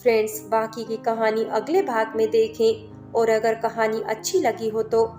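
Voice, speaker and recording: A woman narrating a scripted story in an even storybook manner, telling it as a young man in the first person. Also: a little high, a little slow, faint music behind.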